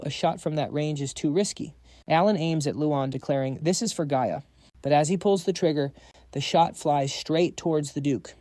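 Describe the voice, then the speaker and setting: A man's voice: a little high, warm tone, dry recording, studio quality. A man narrating a scripted story recap, dropping quips to the audience.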